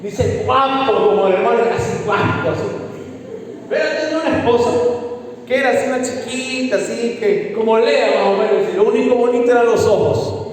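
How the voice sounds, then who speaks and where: A man preaching a sermon, telling stories in an animated way and acting out the quotes. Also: extremely high pitch, brisk, a little hiss or hum. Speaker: pastor. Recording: echoey church hall from far off.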